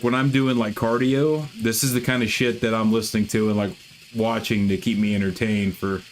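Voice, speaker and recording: A man's voice: on the low side, slight background noise. A man hosting a casual livestream, chatting loosely about metal bands with lots of swearing and restarts. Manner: profane, rambling, self-deprecating. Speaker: livestream host.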